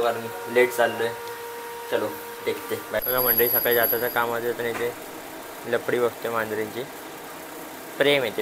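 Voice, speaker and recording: Young Marathi-accented male vlogger, chatty and laughing, phone video with steady outdoor noise. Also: mid-range voice. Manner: chatty, laughs often, gets louder and excited when riding with his friend. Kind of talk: casual vlog chat. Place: outdoors, streets and cricket ground. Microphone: mounted camera while riding, handheld.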